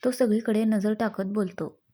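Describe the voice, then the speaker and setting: A woman's voice: medium pitch, steady tone, moderate pace, dark tone. A woman narrating a dramatic family story, reading each character's lines in her own voice. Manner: reads every character's dialogue herself without changing voice.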